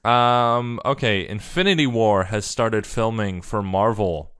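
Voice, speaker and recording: A man's voice: on the low side, measured pace, fairly bright tone, clear, resonant tone. A young man co-hosting a casual podcast, running through news with dry, sarcastic asides. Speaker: podcast co-host.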